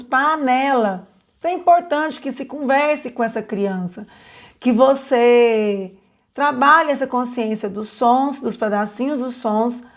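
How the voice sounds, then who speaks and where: A woman teaching an online literacy class, her voice sitting a touch above the usual for a woman. She explains patiently, keeps checking in with the audience, and slows down to draw out individual sounds and syllables. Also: high voice. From Brazil. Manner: slows down and stretches sounds when modeling syllables.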